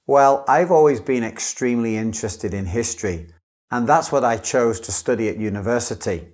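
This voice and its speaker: Clear-spoken male English teacher. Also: medium pitch, normal speed, a little mellow. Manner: clear, careful native-speaker delivery. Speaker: English teacher playing an exam candidate. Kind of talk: scripted model exam answers.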